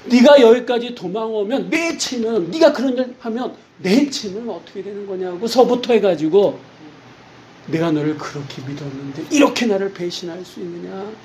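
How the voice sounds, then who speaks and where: A man's voice: extremely high pitch, brisk, hardly any pauses, warm tone, a little hiss or hum, voice pushed up. A man voicing God as a reproachful figure who scolds a runaway prophet with indignant rhetorical questions.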